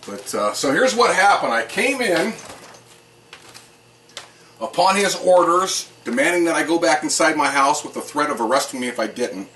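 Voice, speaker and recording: A man's voice: fairly high pitch, expressive, normal speed, sharp tone, slight background noise. A man telling a personal account to the camera inside his house, in a plain, earnest way with many fillers. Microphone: camera set up in the room.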